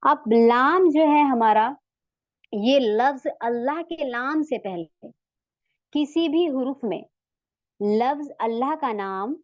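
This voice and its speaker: A woman's voice: high-pitched, slow pace, no room sound, highs cut off. A woman teaching a recorded online lesson, patiently repeating each sound several times and checking in with her learners as she explains. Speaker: Tajweed teacher.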